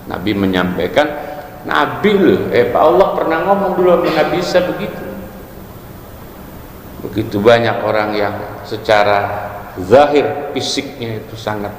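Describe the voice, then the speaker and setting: A man's voice: lowish voice, expressive, moderate pace, slight background noise. Joking man teaching in an echoey hall. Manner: joking, asks the audience questions. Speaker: religious teacher. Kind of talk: casual Islamic study lecture. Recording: echoey hall with faint ambience.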